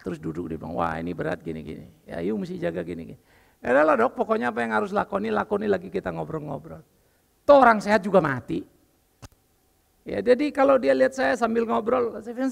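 An older man preaching a lively, joking sermon as a pastor while unwell. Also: high voice, fast talker, gravelly, in a large hall. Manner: lively and joking, mixing in English phrases. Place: church.

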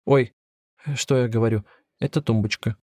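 A man voicing a timid young priest who speaks quietly and stumbles over his words. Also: mid-range voice, steady tone, no echo, clean studio sound, close to an everyday voice. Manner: quiet, halting, stammering.

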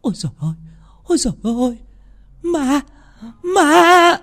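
A man voicing a middle-aged village woman vendor, shrill and quick to panic. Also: sing-song, mellow. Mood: terrified. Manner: shrill, yelping in fright.

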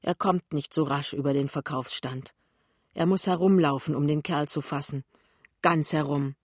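A man reading a novel aloud in a steady, plain storytelling manner. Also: fairly high pitch, moderate pace, no echo, clean studio sound. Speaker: reader. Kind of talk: literary reading.

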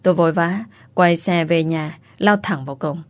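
A woman narrating a first-person family drama story in a steady, plain way. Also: on the low side, normal speed, dry recording, clean studio sound.

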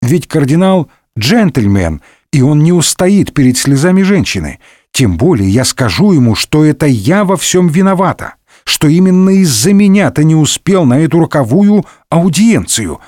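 A scheming noblewoman coos and mocks her lover, as a man reading aloud puts her on. Her voice sits higher than a plain reading and swings about with animated lilts, close and dry with no room around it. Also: moderate pace, dry recording. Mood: cooing. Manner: cooing and teasing, coldly sly in asides. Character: scheming seductive noblewoman, mocking.

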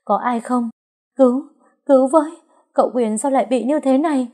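Woman doing a desperate young wife crying and begging, husky dark voice. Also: lowish voice, normal speed. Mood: panicked. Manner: sobbing, pleading.

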